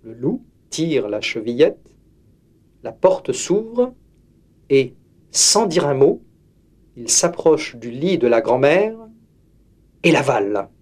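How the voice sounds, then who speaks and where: Slow, expressive storybook narrator, male. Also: a little high. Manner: slow, expressive fairy-tale telling. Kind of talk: storybook reading.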